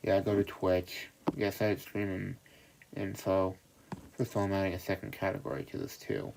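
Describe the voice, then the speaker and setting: Deep and creaky, this young man's voice barely moves in pitch as he chats to himself at a moderate pace during a solo livestream. His talk is rambling and self-deprecating, with loud noise behind him.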